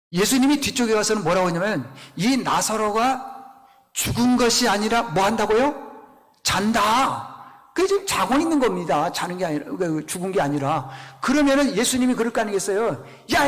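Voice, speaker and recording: High-voiced male pastor preaching. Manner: animated storytelling, asks the congregation questions. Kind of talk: sermon. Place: church sanctuary. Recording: long reverb in church hall.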